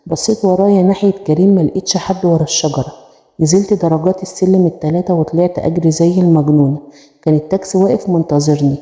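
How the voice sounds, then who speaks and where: A woman with an Egyptian accent narrating a first-person horror story in a brisk, plaintive way. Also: lowish voice, mellow. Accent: Egyptian Arabic. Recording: echoey room with long reverb.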